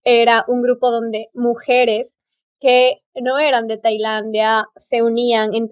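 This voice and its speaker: A podcast host with an Ecuadorian Spanish accent leads a casual conversation about travel. Her voice is fairly high, and the audio sounds dull. She is effusive and tends toward emphatic repetition.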